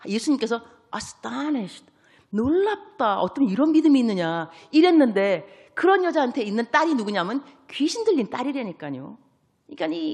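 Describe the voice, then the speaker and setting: A woman preacher delivers a sermon in a big church sanctuary, her pitch leaping up and down as she tells Bible stories. She acts out what each person says and slips in English words. Her voice rings with a long reverb from the hall. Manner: lively storytelling, acting out biblical dialogue; sprinkles English words into speech. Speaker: missionary preacher. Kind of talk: evangelistic sermon.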